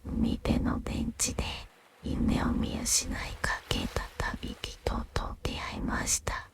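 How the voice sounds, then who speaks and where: Slow, breathy whispering woman storyteller. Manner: soft, unhurried, soothing. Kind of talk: scripted narration of gentle fantasy stories.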